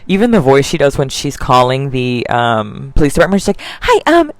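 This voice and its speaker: Woman commentator, deep contralto, chatty and opinionated, lots of fillers, dry close sound. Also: expressive, a little fast, no echo. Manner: chatty, heavy on fillers, frequent restarts. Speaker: online drama commentator.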